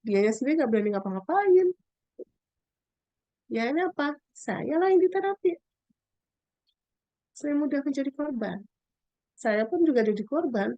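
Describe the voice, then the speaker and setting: Animated middle-aged woman, dry sound. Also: high voice, normal speed, long pauses, dry recording, muffled recording. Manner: animated, acts out quoted lines in a raised voice. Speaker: speaker sharing a personal story about inner wounds. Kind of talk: casual testimonial talk.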